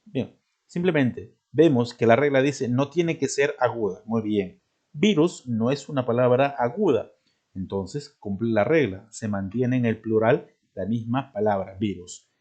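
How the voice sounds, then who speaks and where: A man's voice: mid-range voice, expressive, measured pace, a little mellow. A male teacher giving a recorded grammar lesson, explaining step by step and checking in with his students.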